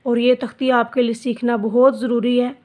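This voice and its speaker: A woman teaching Quran recitation, spelling out letters and vowel marks, then drawing out each word slowly for the learner. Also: on the high side, level tone, a little mellow. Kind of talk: slow spelled-out recitation lesson.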